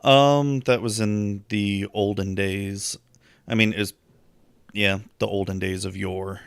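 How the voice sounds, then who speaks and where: A man's voice: on the low side, fairly even intonation, slow pace, gravelly, clean tone, no room sound, clean studio sound. A man co-hosting a casual gaming podcast, laid-back and profane, and losing his voice. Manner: laid-back, short agreeing replies, casual swearing. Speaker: podcast co-host.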